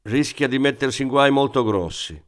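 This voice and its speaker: A man voicing a gruff, barking cop. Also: mid-range voice, normal speed, voice pushed up, natural voice. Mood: threatening. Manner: blunt, barking, barracks tone. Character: gruff, hot-tempered male deputy police inspector.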